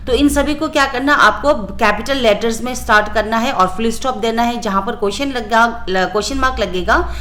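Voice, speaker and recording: A woman teacher with an Indian accent, slowly going through a textbook lesson and listing answers one by one. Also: on the high side, fairly bright tone. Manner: slow, spells out answers in short lists.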